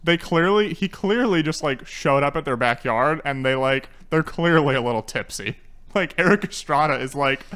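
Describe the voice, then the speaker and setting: Laughing, animated man retelling a movie. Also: on the high side, moderate pace, smooth. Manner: animated retelling, laughs often, many restarts. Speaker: podcast co-host. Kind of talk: casual movie-recap chat.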